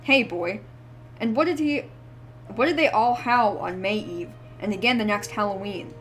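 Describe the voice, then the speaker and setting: A woman's voice: mid-range voice, moderate pace, natural voice. A woman voicing a wheezy, ranting old drunk man who rambles feverishly in rustic old-timer speech. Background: faint background music.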